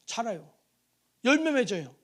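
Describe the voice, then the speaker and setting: A male pastor preaching a sermon in a church, animated and storytelling, acting out quoted voices and putting questions to the congregation. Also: very high voice, a little slow. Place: church sanctuary.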